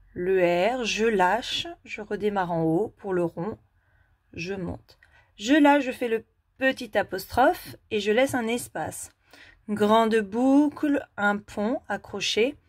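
A woman teacher giving a slow, step-by-step handwriting lesson to a young child. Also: fairly high pitch, dry recording, clean studio sound.

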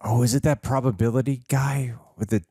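A man in his thirties giving excited, casual reaction commentary on a headset mic. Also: mid-range voice, brisk, slightly rough, no room sound, clean studio sound. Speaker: reaction show host. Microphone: headset boom mic. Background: cartoon soundtrack music.

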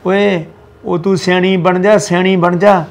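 A man's voice: high voice, little pitch movement, measured pace, gravelly. An actor playing an older village father-in-law with a Punjabi accent who lectures his family about honour. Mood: scolding. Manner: scolding, lecturing.

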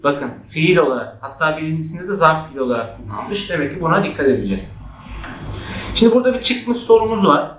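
Male teacher, lively, slightly high voice, echoey classroom sound. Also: fast talker. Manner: lively, acts out example shouts with raised pitch. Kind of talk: exam-prep grammar lesson. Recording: echoey room.

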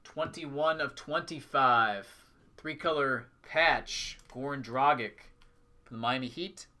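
Seated at a tabletop before a display backdrop, a man runs a live trading card break and announces items in brief, clipped bursts. He speaks slowly in a bright, forceful mid-range voice.

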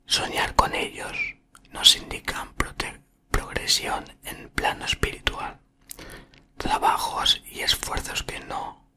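Breathy whispering man, very close up. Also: pushed and bright. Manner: slow, halting murmur close to the microphone. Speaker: ASMR content creator. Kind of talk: whispered ASMR reading from a book. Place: small room indoors. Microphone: desktop condenser microphone, very close.

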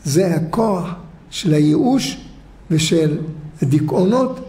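A man's voice: on the high side, expressive, mellow, echoey room. A man, a rabbi, giving an emphatic storytelling sermon in a synagogue, full of rhetorical questions.

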